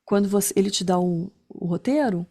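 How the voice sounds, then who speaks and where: A woman with a medium-pitched, slightly mellow voice teaches an online class at a slightly quick pace. Her style is casual and chatty, full of fillers like "né" and "tá," and she often ends sentences with little check-ins.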